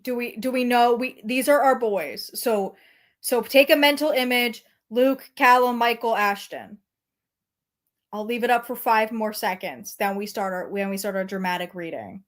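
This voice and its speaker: Young woman, high voice, casual streamer reading fan fiction aloud with giggly, wry asides. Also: moderate pace. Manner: laughs often through the text, wry asides.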